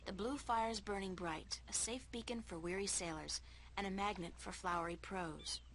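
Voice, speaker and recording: A woman's voice: mid-range voice, normal speed, a bit bright, a little hiss or hum, lightly acted. Actress as a wry young woman adventurer. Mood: wry observing. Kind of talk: video game character acting.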